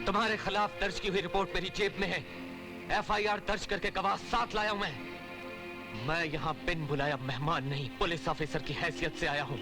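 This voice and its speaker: A man's voice: high voice, lightly acted. A man dubbing a cheeky, righteous male police officer who tells stories playfully in a film. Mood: firm. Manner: playful storytelling, mock-respectful. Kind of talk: Hindi film dub acting.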